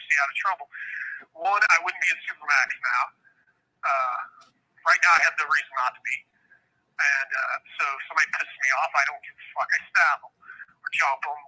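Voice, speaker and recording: A man calls in on a prison phone line from his cell and answers interview questions. His talk is blunt and profane, full of fillers and restarts. His tone is very bright and sharp and sits a little high. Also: husky. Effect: prison phone call. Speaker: prison inmate being interviewed.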